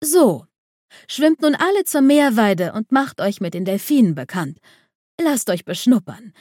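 A kind mermaid teacher explains patiently and reassures her pupils, as a woman reading the storybook puts her on. The voice is mellow and soft-edged. The recording is dry and close. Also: a little high, no room sound.

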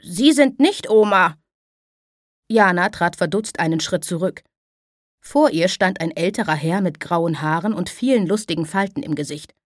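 Woman reading a children's story, low voice. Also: normal speed, no echo, studio quality. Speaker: audiobook reader.

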